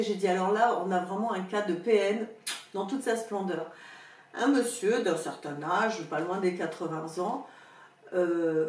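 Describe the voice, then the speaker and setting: Femme conteuse vivante, pièce résonnante. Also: female voice, medium pitch. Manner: lively storytelling, acts out quoted voices. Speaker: coach and therapist. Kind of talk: casual advice talk to camera. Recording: echoey room, voice from a distance.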